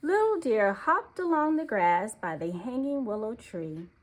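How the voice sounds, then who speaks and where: Expressive and deliberate, a woman reads aloud from a children's storybook in a fairly high pitch, like someone telling a story.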